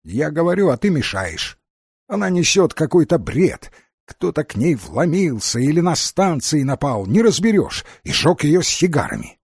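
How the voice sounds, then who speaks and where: A man's voice: fairly high pitch, sing-song, moderate pace, darkish tone, husky, no room sound, clean studio sound, voice pushed up, heavily acted. A man voicing a coarse, domineering older woman, a cigar-smoking villainess, with a brusque, mock-coaxing manner. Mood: bossy.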